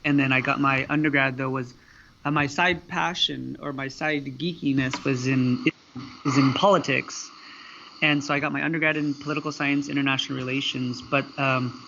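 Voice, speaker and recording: A man from the Seattle area answers interview questions, walking through his story in a level, unhurried voice with frequent fillers. His pitch barely moves. The audio is dull and lo-fi, with a faint hiss behind him. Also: gravelly. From Seattle area, USA. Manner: even, storytelling, hesitant fillers. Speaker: podcast guest, student affairs professional.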